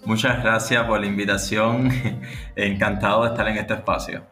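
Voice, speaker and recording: A young Cuban man with a Cuban Spanish accent and a fairly low voice talks as an interview guest. He sounds lively, laughs easily, and stumbles over his phrasing. The room is echoey, with soft music underneath. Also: moderate pace. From Cuba. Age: 20s. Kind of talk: podcast interview.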